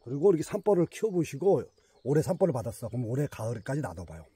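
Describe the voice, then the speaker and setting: A man's voice: medium pitch, very animated, fast talker, dark tone, breathy edge. A middle-aged man vlogging outdoors in a mountain forest, chatting emphatically to his bees and to his viewers. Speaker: beekeeper vlogger. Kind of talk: casual outdoor vlog.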